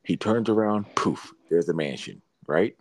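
A man's voice: sits low, animated, unhurried, dry recording. A man co-hosting a podcast, telling a long joke step by step in casual chat and checking in with "right?". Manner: plain step-by-step storyteller, adds "right?". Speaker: podcast co-host.

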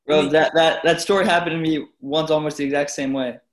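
A man's voice: fairly high pitch, steady tone, fairly quick. A man, a student in a class, telling a story in a casual, slangy way.

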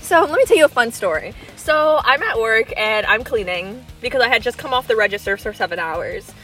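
A woman's voice: a little high, expressive, a little fast, fairly bright tone, faint music behind. A young woman co-hosting a podcast, telling stories in a rambling, dry, casual way. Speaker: podcast co-host. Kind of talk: casual chat.

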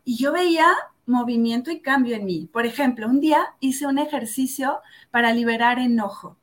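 A woman, a yoga instructor telling her story in an interview, earnest and reflective, often tagging her phrases with "¿no?". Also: a little high. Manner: earnest and reflective, tags phrases with "¿no?", slows down for emphasis. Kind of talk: personal testimony in an interview.

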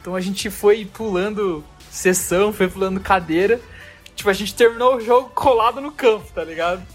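Speaking a little fast in a high voice, a man with a Brazilian Portuguese accent tells a travel story in casual chat. His talk is loose, slangy, and packed with fillers, with faint music in the background.

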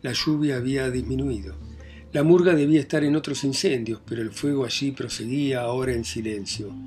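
A man reading a novel aloud as narrator, in a plain, measured telling that lifts his pitch and volume when voicing characters. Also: a little mellow, faint music behind. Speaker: audiobook narrator.

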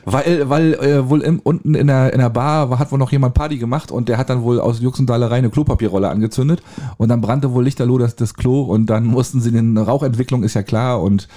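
A man co-hosting a podcast, chatting fast with a warm, darker tone. He rambles, throws in ironic jokes and keeps asking for agreement. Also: medium pitch, steady tone. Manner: ironic, rambling with tag questions. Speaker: podcast co-host. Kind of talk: casual chat.

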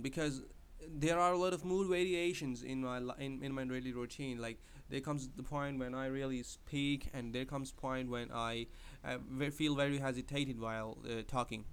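A man whose native language isn't English gives casual spoken advice as a podcast host, hesitant and dotted with fillers and restarts. His mid-range voice has a fairly bright, clean tone.

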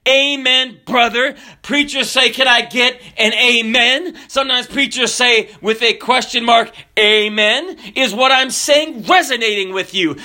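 High, bright-voiced fervent preacher man. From Kenya. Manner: fervent, rising to near shouts, then dropping low and soft. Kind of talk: sermon.

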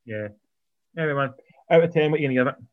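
A man's voice: on the high side, racing, no echo, narrow, tinny audio. A man co-hosting a casual film review podcast, rambling and repeating words as he thinks. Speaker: podcast co-host.

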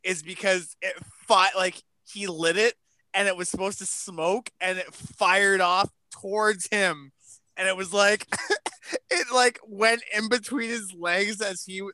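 A man's voice: high voice, steady tone, measured pace, sharp tone, no room sound. A man bantering on a casual drinking podcast, interrupting and laughing often.

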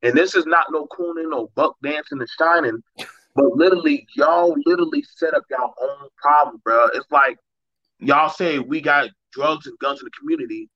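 Blunt bright-voiced man, lo-fi dry mic. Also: a little high, normal speed, no room sound. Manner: blunt and animated, drops into voices when quoting people. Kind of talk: casual podcast chat.

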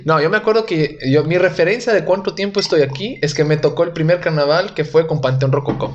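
A man's voice: fairly high pitch, quick pace, dull audio, a little hiss or hum. An Italian-born man in his young adult years, a comedian telling jokes and rambling stories in a casual interview. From Italy. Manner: joking, self-deprecating, rambling. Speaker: comedian guest.

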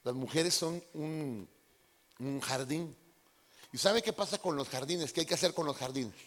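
Un hombre predicando un sermón animado a su congregación, con humor y preguntas directas al público. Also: male voice, fairly high pitch, measured pace, fairly bright tone, long reverb tail. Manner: playful, addresses the congregation directly. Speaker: pastor. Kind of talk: lively sermon with acted-out impressions. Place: church hall.

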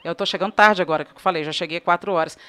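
A woman's voice: lowish voice, rapid-fire, clear, resonant tone. A Brazilian woman, a TV news editor, telling funny work stories in a casual podcast chat. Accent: Brazilian Portuguese. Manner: lively storyteller, laughs while telling anecdotes.

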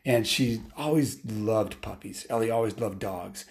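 A man telling a story aloud in a casual, rambling way, full of restarts and fillers, and getting lively at the exciting parts. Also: fairly low pitch, unhurried, vocal fry. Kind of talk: improvised bedtime-style story told aloud.

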